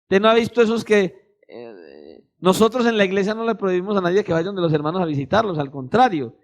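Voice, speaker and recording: A man's voice: sits high, lively intonation, a little fast. A man preaching a sermon as pastor, emphatic and speaking straight to his listeners. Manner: emphatic, addresses listeners directly, acts out little dialogues.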